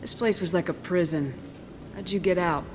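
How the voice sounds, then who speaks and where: A woman voicing a level-headed military space commander in a video game, calm and authoritative. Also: on the low side, moderate pace, slight background noise, close to an everyday voice. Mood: probing.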